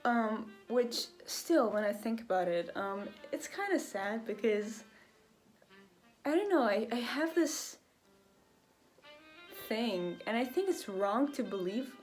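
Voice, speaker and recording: A woman's voice: a little high, expressive, slow. A young woman vlogging in a casual, rambling way, full of fillers as she thinks aloud. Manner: chatty, rambling, lots of fillers. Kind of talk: casual reflective vlog. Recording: faint jazz music behind. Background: faint jazz music.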